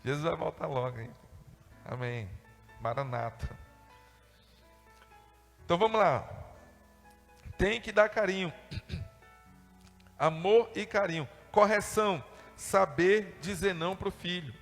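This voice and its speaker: A man preaches with a fairly high voice, animated and playful, slipping into little acted-out dialogues. His voice rings with a long hall reverb. Soft music sits faintly underneath. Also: slow pace, gravelly, pauses often. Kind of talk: sermon.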